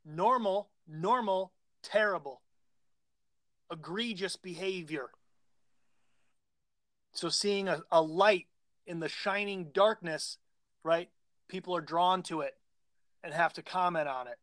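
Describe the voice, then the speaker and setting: A man's voice: sits high, slow, pauses often, fairly bright tone, no echo, clean studio sound. A man co-hosting a casual chat, teasing and stubbornly arguing his side. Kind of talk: casual banter.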